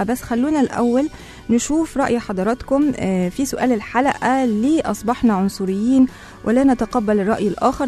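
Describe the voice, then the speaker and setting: مذيعة مصرية سريعة الكلام. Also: female voice, on the high side, dark tone. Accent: Egyptian Arabic. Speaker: radio show host. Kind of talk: radio talk show presenting.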